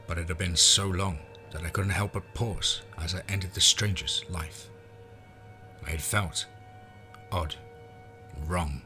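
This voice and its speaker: A man's voice: deep voice, sharp tone. A man narrating a scripted horror western in the first person, as a storyteller.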